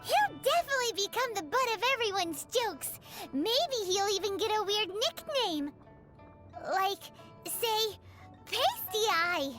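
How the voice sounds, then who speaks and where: A tiny fairy companion chirps through video game dialogue in an extremely high, squeaky female voice, speaking a little slowly and heavily acted, with very lively pitch swings. Childlike, cheeky, chatty and curious, she refers to herself in the third person and speaks emphatically over clearly audible music.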